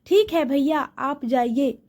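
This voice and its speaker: A woman voicing a gentle, innocent young woman in love, speaking softly and politely. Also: sits high, animated, slow pace. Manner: soft, polite.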